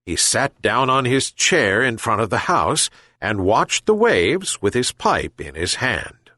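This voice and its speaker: Slow, lively storybook reader, a man. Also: no echo, studio quality. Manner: slow, gentle, very lively pitch. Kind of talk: storybook narration.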